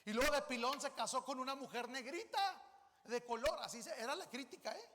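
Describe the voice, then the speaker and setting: A Mexican-accented pastor preaches with a high, bright, ringing voice. He tells the story in an animated way, slips into acted-out dialogue and joking asides, and a long church-hall reverb trails behind his words. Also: a little fast. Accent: Mexican Spanish. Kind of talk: sermon.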